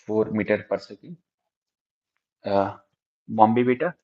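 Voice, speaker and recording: A dull, lo-fi recording of a man with an Indian accent. His voice sits fairly low. He teaches physics to an online class, repeating his questions and phrases as he addresses students familiarly. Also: unhurried, a little mellow. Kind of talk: live online exam-prep lesson. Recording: dull, lo-fi microphone sound.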